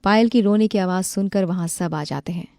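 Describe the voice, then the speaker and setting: Woman telling a cartoon story, mellow warm tone, dry close sound. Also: medium pitch, brisk, vocal fry, no echo. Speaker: narrator. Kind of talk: scripted story narration.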